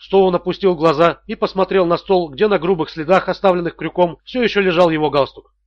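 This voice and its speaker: A man narrating an audiobook thriller in a steady, tense manner. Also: high voice, a little fast, dry recording, dull audio.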